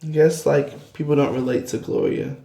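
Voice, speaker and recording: A man's voice: fairly high pitch, normal speed, creaky, dark tone. A man from Georgia chatting casually about reality TV as a vlogger, rambling with many fillers. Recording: echoey room.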